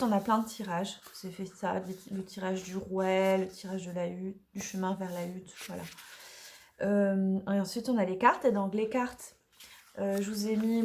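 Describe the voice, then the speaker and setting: A woman casually presenting her oracle deck, chatty and hesitant with many fillers, slightly hoarse from allergies. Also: mid-range voice, darkish tone. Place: dim room in the evening.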